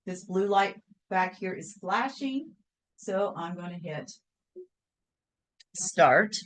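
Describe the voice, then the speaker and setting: A woman's voice: on the low side, expressive, slow pace, poor audio. A woman hosting a crafting tutorial, talking step by step through a screen-share in a chatty, think-aloud way.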